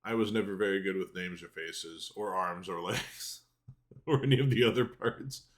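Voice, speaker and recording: A man's voice: low-pitched, moderate pace, voice pushed up, close to an everyday voice. A man voicing a morose, long-winded assistant to a mad mage in a fantasy game, speaking archaic English. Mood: sardonic. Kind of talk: game dialogue read aloud.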